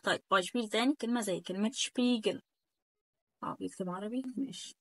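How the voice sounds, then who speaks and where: A woman with an Egyptian Arabic accent teaching a German lesson in a chatty way, slowly repeating each word and checking "okay?" after every point. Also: mid-range voice, a bit bright, no room sound. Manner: drills words slowly, repeating them again and again. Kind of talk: casual spoken lesson.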